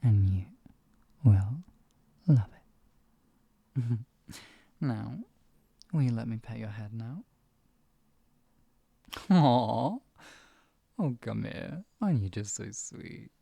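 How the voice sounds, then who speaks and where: Someone playing a very mellow, soft-spoken hypnotist villain in role-play. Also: mid-range voice, lively intonation, slow pace, creaky, pauses often, slightly rough, dry recording, full character voice. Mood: smug, doting. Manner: soft coaxing murmur slipping into close speaks softly. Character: teasing, possessive villainous hypnotist soothing a captive pet.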